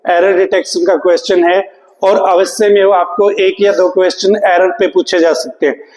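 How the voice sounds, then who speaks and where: A male English teacher coaching for an exam, who asks the class questions and answers them himself, repeating key words and reading English slowly. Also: sits high, fairly even intonation, darkish tone, big-room sound, rough recording. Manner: reads English question text slowly and deliberately; calls students "beta" affectionately. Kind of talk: classroom lesson.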